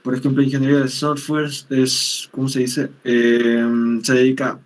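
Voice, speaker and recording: A man student answering in an online class, reciting definitions and pausing to search for words. His voice sits at a middling pitch for a man. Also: completely flat delivery, a little hiss or hum, poor audio.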